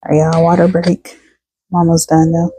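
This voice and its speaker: A woman talks her viewers through a tarot reading in a relaxed, chatty way, reading out card texts as she goes. Her voice sits low and stays fairly flat, with a mellow tone. She sounds tired, and the recording is dry and close. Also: moderate pace, breathy edge, no echo, poor audio. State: tired, yawning. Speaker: tarot reader. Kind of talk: casual tarot reading to camera.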